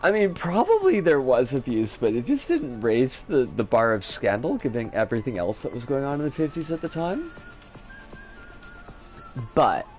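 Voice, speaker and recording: A man's voice: medium pitch, huge pitch swings, normal speed, a little mellow, faint music behind. A man chatting casually as a game streamer, with a sardonic, rambling, sweary manner. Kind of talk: casual livestream chat and commentary.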